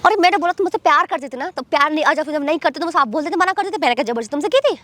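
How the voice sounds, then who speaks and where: Young woman, very high-pitched and fast, insistent. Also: lively intonation, fairly bright tone, a little hiss or hum. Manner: insistent, scolding, pleading. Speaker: accused sister-in-law in a confrontation. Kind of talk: staged street confrontation.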